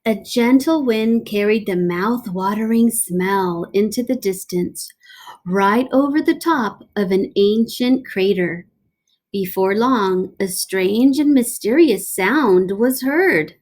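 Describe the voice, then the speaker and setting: With a somewhat mellow, mid-range voice, a woman reads a children's picture book aloud the way a teacher would. Her delivery is dramatic and deliberate, sprinkled with playful asides.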